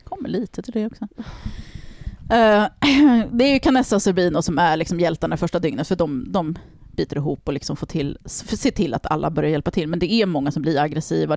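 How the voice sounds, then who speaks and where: Gravelly-voiced woman, casual podcast storyteller, lively and swearing, dry close mic. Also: sits low, dry recording. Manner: animated, swearing, acts out quoted people. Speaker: podcast host telling a story.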